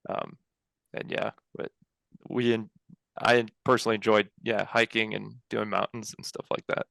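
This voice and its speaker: A man's voice: fairly low pitch, normal speed, vocal fry, no echo, rough recording. A young man from Colorado, an engineering firm co-founder, answering interview questions casually over a headset on a video call, with lots of fillers and restarts. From Colorado, USA. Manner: relaxed, many fillers and restarts. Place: home office, indoors. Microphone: headset mic on video call.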